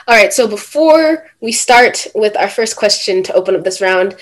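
A teenage girl hosts a relaxed panel over a video call. She talks in a chatty, upbeat way and fills her questions with "like". Her voice sits at an ordinary middle pitch. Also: a little slow. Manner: chatty, upbeat, uses fillers like "like". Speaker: host.

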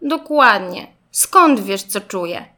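A woman voicing a scared, stubborn little boy car in a children's storybook, with a high, whiny, pleading voice. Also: expressive, takes it slowly, sharp tone. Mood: curious. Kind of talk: storybook reading.

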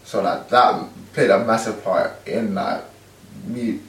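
A man's voice: fairly low pitch, slow, fairly bright tone. A young man with a London accent chatting casually, full of street slang and tag questions. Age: young adult. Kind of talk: casual chat. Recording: echoey room, distant from mic.

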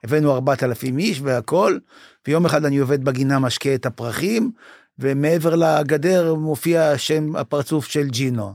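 A podcast interview features an older man, once a basketball club manager, animatedly recounting stories and playing out the quoted dialogue while saying he is moved. His voice is a little high, captured in studio quality with no room sound.

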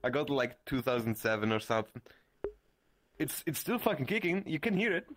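A man's voice: mid-range voice, big pitch swings, fairly bright tone, a little hiss or hum. Teasing man from Germany. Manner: teasing, swearing, halting restarts. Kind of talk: casual chat.

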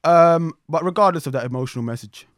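A young man hosts with a London roadman accent and plenty of street slang. His voice sits fairly high and is recorded very dry. He chats in an animated, emphatic way, often repeating himself for effect. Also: fast, no echo. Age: young adult. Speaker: talk show host.

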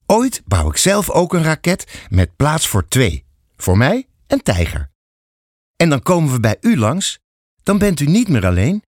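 A man voicing a lively, curious young girl in an audiobook fairy tale. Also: on the high side, a little slow, no echo, clean studio sound, pitched above the performer's own voice, full character voice. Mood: reassuring.

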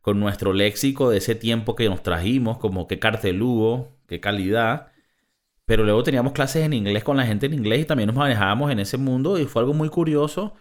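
A man's voice: mid-range voice, brisk. A man from Venezuela with a Venezuelan accent, co-hosting a casual chat in a frank, laughing, profane way. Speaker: podcast co-host.

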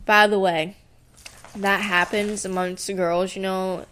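A woman in her twenties tells anecdotes as a podcast co-host. Her voice sits at a medium pitch, and her talk is blunt, casual and slangy, peppered with swearing and acted-out quotes. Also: level tone, measured pace, fairly bright tone, a little hiss or hum. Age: 20s.

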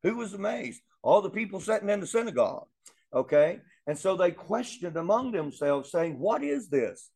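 A man's voice: high-pitched, animated, moderate pace, a little mellow. A man teaching a Bible lesson in an earnest way, often repeating words as he thinks aloud.

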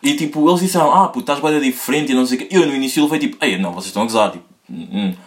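A young man hosting a solo podcast in a rambling, slangy, casual way, his pitch jumping up when he gets excited. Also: racing. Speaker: podcast host.

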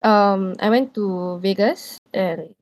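A woman's voice: medium pitch, slow pace, no room sound. A young woman in her twenties with a Singaporean English accent, telling a story in a loose, rambling way on a casual podcast.

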